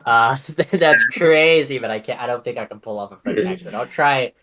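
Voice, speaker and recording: A man's voice: medium pitch, moderate pace, a crowd in the background. A man speaking as a player in a tabletop role-play game, rambling with many hesitations and fillers.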